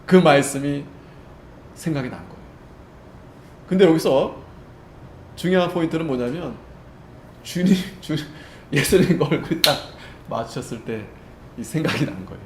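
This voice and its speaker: A male pastor preaching a Sunday sermon in a conversational way, often checking in with the congregation and swinging between loud and soft as he acts out the story. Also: fairly high pitch, normal speed, pauses often, a little hiss or hum. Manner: conversational, keeps checking with listeners. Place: church sanctuary. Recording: echoey church room, faint ambience.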